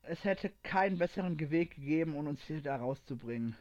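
A man voicing a calm, soft-spoken young male soldier in a story reading. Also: fairly high pitch, a little fast, natural voice. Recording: dull lo-fi recording.

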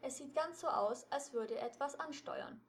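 A woman's voice: sits high, moderate pace, a little hiss or hum, voice pushed up, lightly acted. Woman doing a level-headed teenage boy detective. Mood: calm, defensive.

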